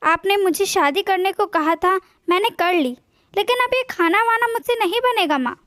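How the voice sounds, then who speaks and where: A woman's voice: very high-pitched, moderate pace, fairly bright tone, dry recording, clean studio sound. A woman voicing a spoiled, lazy young bride who talks in a whiny, petulant way.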